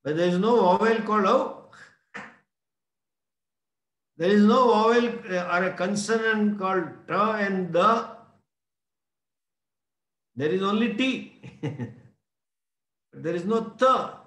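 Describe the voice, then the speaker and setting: Slow Indian swami teaching. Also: male voice, high-pitched, fairly bright tone, reverberant. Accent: Indian English. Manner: slow, explanatory, chuckles often. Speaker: spiritual teacher. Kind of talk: scriptural class lecture.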